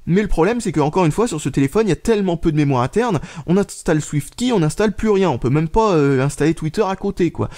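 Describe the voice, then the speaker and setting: A man giving a casual hands-on phone review, halting and full of restarts, muttering and swearing under his breath as he types. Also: fairly high pitch, expressive, warm tone. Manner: halting, many fillers and restarts, mutters while typing. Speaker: tech reviewer.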